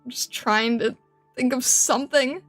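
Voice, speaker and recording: A woman livestreaming casually while she draws, thinking aloud in a hesitant, rambling way with a bright, high voice. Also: measured pace, soft background music. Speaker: livestreaming artist.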